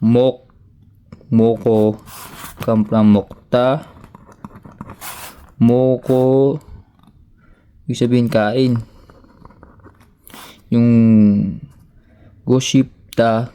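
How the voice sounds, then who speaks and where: A man's voice: medium pitch, fairly even intonation, drawn-out words, pauses often, dark tone. A man giving a casual, joking grammar lesson, switching between languages to read out example sentences. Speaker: language teacher.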